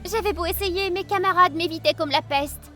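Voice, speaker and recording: A woman tells an animated diary story in a very high, bright voice. She sounds quirky and excitable. Soft music plays beneath her. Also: moderate pace. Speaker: narrator. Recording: music behind the voice.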